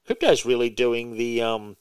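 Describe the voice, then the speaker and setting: A man hosting a casual comics podcast, talking in an animated way with frequent fillers and some swearing. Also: medium pitch, a little slow, clean tone, dry recording. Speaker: podcast host.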